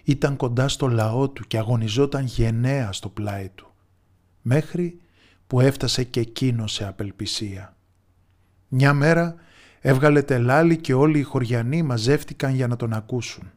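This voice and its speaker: Man telling a folktale, medium pitch. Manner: measured, expressive, addresses listeners. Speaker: storyteller. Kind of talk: folktale narration.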